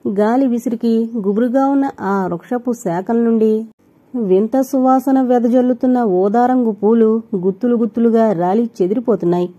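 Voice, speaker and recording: A woman reading an audio novel aloud, with steady storytelling narration. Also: a little high, normal speed, lo-fi sound.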